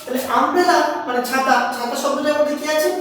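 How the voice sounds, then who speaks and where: A woman with a Bengali accent teaches an English grammar class at a quick pace in a high-pitched voice. She explains step by step, asks questions of her students, and pronounces words syllable by syllable, her voice distant and echoing in a hall.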